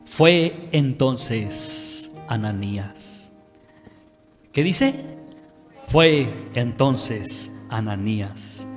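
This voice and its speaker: A man with a Mexican Spanish accent preaching a sermon as pastor, leading the congregation in call-and-response and building to loud exhortation. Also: medium pitch, lively intonation, drawn-out words, long pauses, in a large hall, faint music behind. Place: church sanctuary.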